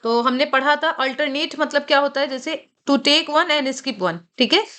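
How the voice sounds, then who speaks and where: Indian-accented woman tutor, high voice, unhurried, drills pronunciation word by word. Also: pushed and bright. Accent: Indian English. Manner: repeats each word slowly and clearly for pronunciation practice. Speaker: English vocabulary teacher. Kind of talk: exam-prep vocabulary lesson, Hindi mixed with English.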